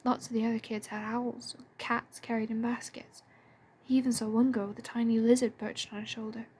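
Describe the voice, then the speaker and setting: A woman reading a story aloud in a soft, breathy and hushed way. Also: fairly high pitch, little pitch movement, fairly quick. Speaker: fan audiobook reader. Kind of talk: storybook narration.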